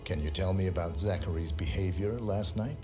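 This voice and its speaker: A man playing a calm, formal game detective who lays out his detective reveal in measured, deliberate words. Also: low-pitched, over music, close to an everyday voice. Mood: formal, probing. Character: calm male detective, formal and coolly probing, presenting his conclusion.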